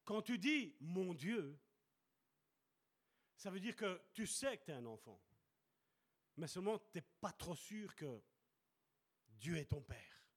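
A man's voice: sits high, very animated, a little slow, long pauses, fairly bright tone, slightly rough. A man preaching a sermon at a church service, emphatic and repeating short commands.

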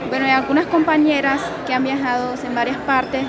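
Woman from the sierra nevada, high voice, halting answers, busy fair noise. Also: steady tone, over a noisy crowd. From Sierra Nevada de Santa Marta, Colombia. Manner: hesitant, searching for words. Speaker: artisan vendor.

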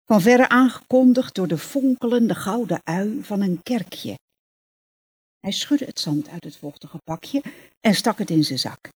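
A woman reading a passage from a novel aloud, measured and expressive. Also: mid-range voice, breathy edge. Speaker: reader.

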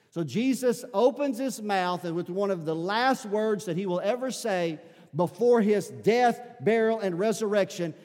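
A man's voice: high-pitched, a little mellow. A man preaching a sermon as pastor, calling out rhetorical questions to his congregation. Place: church sanctuary. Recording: long hall reverb.

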